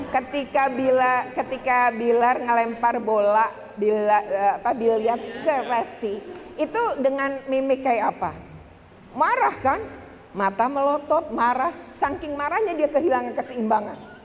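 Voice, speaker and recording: A woman speaking to a room of teachers at a workshop, lively and chatty as she addresses the audience directly. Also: high-pitched. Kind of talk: presentation to an audience. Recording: reverberant hall, faint background noise.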